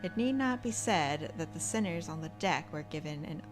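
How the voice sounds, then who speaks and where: A woman's voice: deep voice, lively intonation, moderate pace, music in the background. A woman reading game dialogue aloud in a theatrical manner, breaking off for casual asides.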